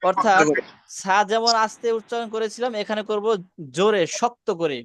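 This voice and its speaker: A man teaching Arabic letter pronunciation in an online class, patient and slow, repeating each letter for students to echo. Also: high-pitched, fairly bright tone, clean studio sound. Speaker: Quran teacher. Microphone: video call.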